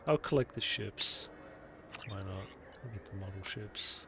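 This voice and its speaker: A man's voice: on the low side, a little slow, background noise. A man streaming a game, thinking aloud in rambling, casual commentary.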